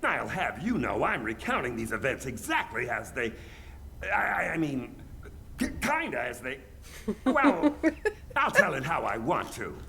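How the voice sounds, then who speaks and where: Gravelly, flustered crocodile detective. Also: male voice, medium pitch, huge pitch swings, normal speed, sharp tone, a little hiss or hum, heavily acted. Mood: indignant. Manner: flustered, stammering, blustery. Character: big gruff bashful male crocodile detective, soft-hearted. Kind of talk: cartoon comedy audio drama. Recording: music behind the voice.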